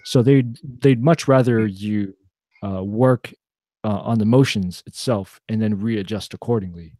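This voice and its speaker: Brief: young male co-host, relaxed mellow voice, loose rambling delivery full of fillers. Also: on the low side, a little slow, dry recording, clean studio sound. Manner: rambling, lots of fillers and restarts. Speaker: podcast co-host. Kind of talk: casual chat.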